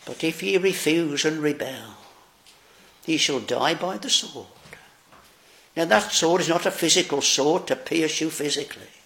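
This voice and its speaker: A man preaching a sermon, slow, solemn and earnest. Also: a little high, vocal fry, fairly bright tone.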